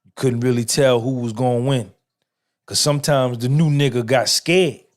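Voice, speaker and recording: Steady in tone, this man's mid-range voice runs at a normal speed. He's a middle-aged podcast host launching into a motivational monologue that is emphatic and swaggering, heavy on repetition and swearing.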